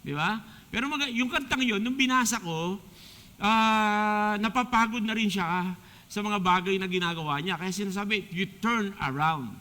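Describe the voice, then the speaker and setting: Filipino male deacon, high bright voice, jokey animated preaching, long church reverb. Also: normal speed. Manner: joking, animated, mixes English into talk. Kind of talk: sermon. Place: church hall.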